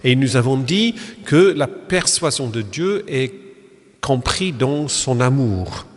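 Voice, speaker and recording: A man's voice: medium pitch, animated, slow. A man with an English accent, a pastor giving a lecture-style church talk in French, hesitant with many fillers and restarts. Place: Protestant church hall. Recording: long reverb of a church hall.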